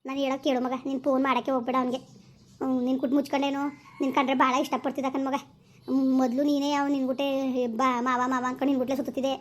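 A woman's voice: high-pitched, flat delivery, racing, lightly acted. A woman playing a bossy middle-aged village aunt with a rural Kannada accent, lecturing and repeating warnings. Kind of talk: village skit acting.

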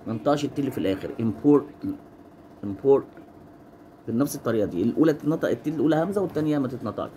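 A man with an Egyptian Arabic accent teaching English vocabulary, repeating each word slowly and explaining how it is pronounced. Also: medium pitch, animated, mellow, slight background noise. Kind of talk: vocabulary lesson with pronunciation drills.

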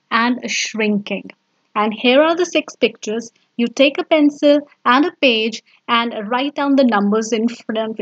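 Husky Indian English teacher narrating. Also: female voice, on the high side, no room sound. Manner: clear, deliberate, teacherly. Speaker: English teacher and channel host. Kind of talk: storybook narration for children. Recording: dull lo-fi voice-over.

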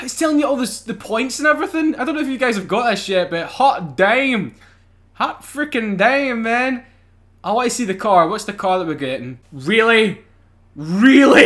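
A British man commentating casually over a racing game, excitable, swearing and laughing often. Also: sits high. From United Kingdom. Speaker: gaming channel host. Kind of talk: casual let's-play commentary.

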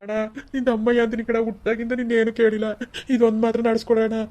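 A woman's voice: a little high, monotone, quick pace, a little mellow, slight background noise, lightly acted. A woman voicing a grown son in a cartoon family drama, soothing and urging his mother. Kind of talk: cartoon voice acting.

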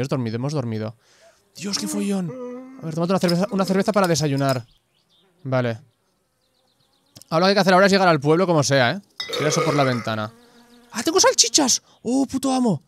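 A man from commentating his own gameplay, excitable and swearing often, shouting at the screen. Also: a little high, a little hiss or hum.

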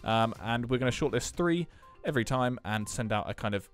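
A man's voice: medium pitch, expressive, a little fast, soft background music. Chatty man co-hosting a podcast. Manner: chatty, self-deprecating, jokey asides. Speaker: podcast co-host, school tech staff. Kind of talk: casual podcast chat.

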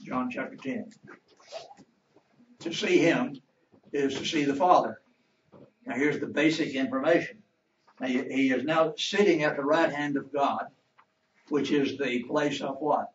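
A man's voice: mid-range voice, a little slow, long pauses, slight background noise. Male Bible teacher, questioning class; distant, roomy, dull church recording. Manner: asks the class questions and waits for answers. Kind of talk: interactive Bible lesson.

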